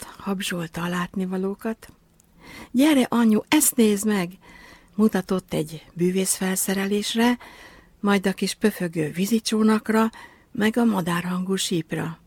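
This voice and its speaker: A woman reading a children's story aloud, expressive and measured. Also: mid-range voice, no echo.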